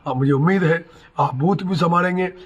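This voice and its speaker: A man's voice: on the high side, fairly quick, husky, dull audio. A middle-aged man and election candidate making an earnest, courteous appeal to his supporters from inside a village home. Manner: pleading, courteous, rallying.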